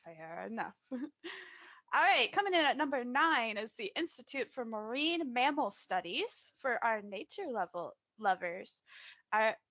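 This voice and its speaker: A giggly young woman from mississippi with no southern accent chats on a podcast. her high voice leaps up and down a lot. the sound is dry and dull, like lo-fi audio. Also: animated, unhurried, bright, forceful tone, no room sound. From Mississippi, USA. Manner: giggly, bubbly, chatty. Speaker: podcast co-host. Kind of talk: casual chat and list presenting.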